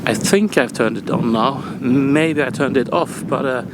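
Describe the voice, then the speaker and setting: A man vlogging outdoors on an on-camera microphone with wind hitting it, speaking unscripted in a hesitant, halting way. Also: mid-range voice. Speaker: vlogger testing camera gear. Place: outdoors near the ocean. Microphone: on-camera shotgun microphone. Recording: strong wind on the mic, outdoors.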